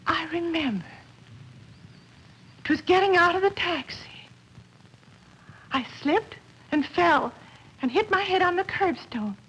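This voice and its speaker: A woman's voice: extremely high pitch, lively intonation, slow, pauses often, a bit bright, heavily acted, low-quality recording. An actress playing a weary, confused middle-aged wife and mother in a 1950s television drama, talking in a distracted way. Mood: dazed.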